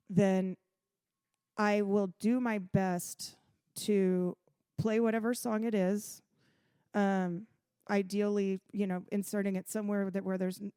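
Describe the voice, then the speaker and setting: A woman's voice: medium pitch, warm tone, smooth, no echo, clean studio sound. A woman, a piano bar owner and performer, talking in a chatty podcast interview with many restarts and frequent laughs.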